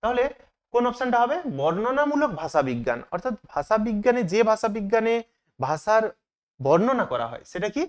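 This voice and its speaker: Man, teacher, exam question review, asks and answers his own questions, animated pitch. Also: a little fast. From Bengal.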